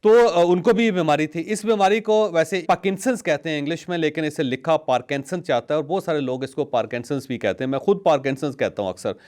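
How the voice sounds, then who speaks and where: A man hosts a talk show, telling stories and explaining health in a measured way with small hesitations. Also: fairly high pitch, darkish tone. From Pakistan. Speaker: host.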